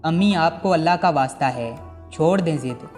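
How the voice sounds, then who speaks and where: A man's voice: on the high side, normal speed, darkish tone, lightly acted. A man reading as an earnest young husband. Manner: earnest, pleading. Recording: long reverb with background music.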